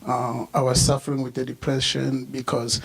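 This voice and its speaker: A young man from the Congo, not a native English speaker, giving a halting personal remembrance at a memorial service with many fillers. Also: mid-range voice, completely flat delivery, gravelly, fairly bright tone, breathy edge, poor audio. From Democratic Republic of the Congo.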